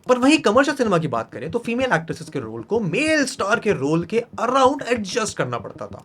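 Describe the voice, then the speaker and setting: Lively male video essay narrator. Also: a little high, husky. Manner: mixes Hindi and English, explanatory. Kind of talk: scripted narration.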